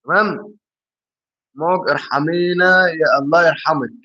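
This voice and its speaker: A man's voice: fairly high pitch, steady tone, moderate pace, pushed and bright. Teasing Egyptian man on a lo-fi stream. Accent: Egyptian Arabic. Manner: playful, teasing viewers over a riddle. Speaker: livestream host. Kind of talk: casual livestream chat reading viewer comments.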